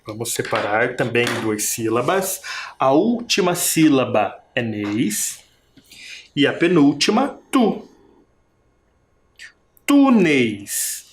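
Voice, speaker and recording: With big swings in pitch around a medium register, a teacher speaks slowly through a recorded lesson for primary schoolers, stretching each word and sounding out its syllables. She patiently poses questions to the children over slight background noise.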